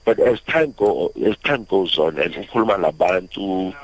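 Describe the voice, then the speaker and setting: A young man with a South African accent giving a halting, reflective personal account as a radio interview guest. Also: low voice, animated, breathy edge. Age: young adult. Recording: slightly muffled radio audio.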